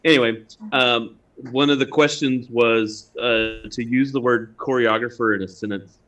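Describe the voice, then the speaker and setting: A man's voice: medium pitch, steady tone, a little slow, fairly bright tone. A man co-host telling an anecdote in a casual chat, hesitant and full of fillers. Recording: dull lo-fi audio.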